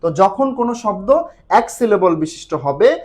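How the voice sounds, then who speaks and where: A man's voice: high voice, sing-song, normal speed. A young man with a Bangladeshi accent teaching an exam prep class on a live stream. He explains step by step and keeps urging viewers to comment. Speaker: online admission test tutor.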